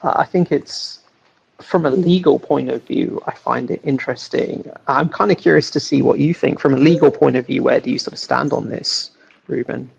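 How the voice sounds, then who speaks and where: A man chatting as a panelist, his voice deeply gravelly and husky. He muses conversationally. The call audio sounds dull and lo-fi. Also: normal speed. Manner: musing, conversational. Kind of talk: casual chat.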